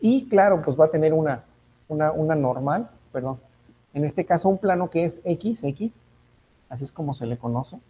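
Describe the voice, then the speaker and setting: A man's voice: a little high, lively intonation, moderate pace, mellow, slightly rough, poor audio. A man teaching a physics class, thinking aloud, correcting himself and checking in with his students. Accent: Mexican Spanish. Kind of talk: online class lecture.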